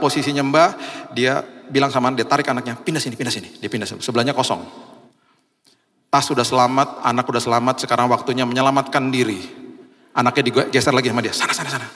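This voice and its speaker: A man's voice: mid-range voice, fairly bright tone. A man preaching a sermon as a pastor, animatedly acting out the voices of people in his story. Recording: reverberant church hall.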